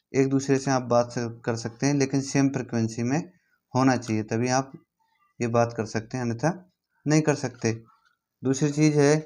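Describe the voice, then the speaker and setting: Speaking with a medium pitch and a darkish tone, this Indian-accented man walks the listener through equipment in a casual hands-on lesson. He repeats points often and keeps checking that the listener is following.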